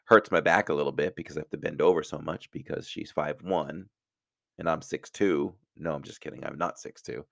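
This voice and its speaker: A man's voice: very deep voice, steady tone, brisk, gravelly, fairly bright tone, no echo, clean studio sound. A middle-aged man hosting a podcast, telling a personal story in a chatty, self-mocking way and laughing at his own jokes. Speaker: podcast host. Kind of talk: casual storytelling.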